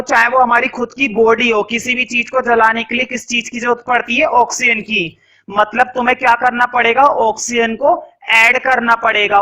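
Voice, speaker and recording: Indian male teacher, very high, bright voice; quizzing lecture style, slow word-by-word dictation. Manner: asks questions and answers them himself; dictates notes slowly, word by word.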